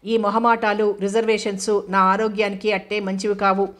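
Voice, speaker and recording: A woman reading the part of a chatty, teasing young woman lecturer who banters quickly and drops in English phrases, in an even, flat delivery. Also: medium pitch, lightly acted.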